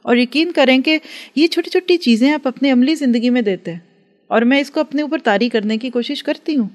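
A woman's voice: high-pitched, brisk. A woman giving an earnest religious lecture to a class, advising and acting out everyday dialogues. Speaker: religious teacher.

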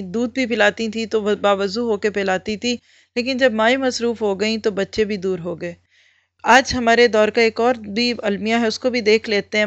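A woman's voice: medium pitch, no room sound. A woman giving an Islamic religious lecture, explaining step by step and posing rhetorical questions that she answers herself. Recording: muffled lo-fi recording.

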